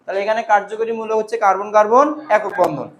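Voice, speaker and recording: A man with a high voice teaches a chemistry class, firing short questions at the students and repeating every answer back in a drill. A faint hiss of room noise sits under his voice. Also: fast. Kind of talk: classroom lecture with call-and-response questions.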